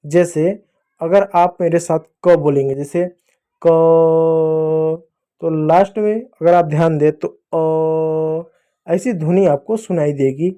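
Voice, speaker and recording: A man with a high, soft, mellow voice teaches children to read. He draws each sound out slowly and says it again and again so they can repeat after him. His tone is patient and steady, like a classroom teacher. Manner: slow, drawn-out sounding of letters. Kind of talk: explaining to children.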